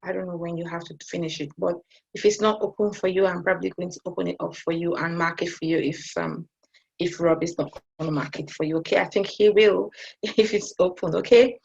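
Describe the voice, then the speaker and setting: A woman's voice: on the low side, fairly even intonation, brisk, vocal fry, a little mellow, breathy edge, lo-fi sound. A woman maths teacher giving an online lesson, talking hesitantly and often checking in with her students.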